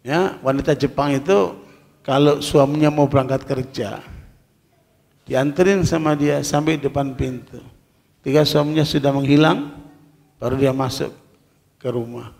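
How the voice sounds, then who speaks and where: A man preaching a lively sermon to a group of women, joking and quizzing his listeners. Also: medium pitch, measured pace, vocal fry, long pauses. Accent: Indonesian. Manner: lively, jokey, quizzes the audience. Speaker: Islamic preacher. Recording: echoey hall reverb.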